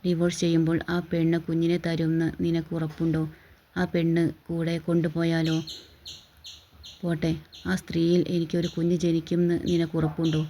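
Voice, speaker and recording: A storyteller reading the lines of a tired, firm middle-aged husband in a storybook, in a flat, level voice. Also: mid-range voice, moderate pace, a little hiss or hum, lightly acted. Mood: weary. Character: weary middle-aged husband refusing to remarry.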